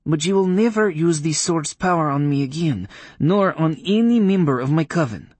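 A man's voice: on the high side, animated, moderate pace, darkish tone, dry recording, voice pushed up. Man doing a haughty witch. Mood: curt. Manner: stiff, clipped and formal. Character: haughty woman witch, coldly formal. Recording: dry close studio sound.

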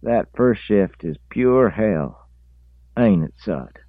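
A man voicing a rambling old drifter with a drawl, pitched up high above his own voice and hollering. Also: expressive, takes it slowly, dry recording, narrow, tinny audio. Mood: knowing.

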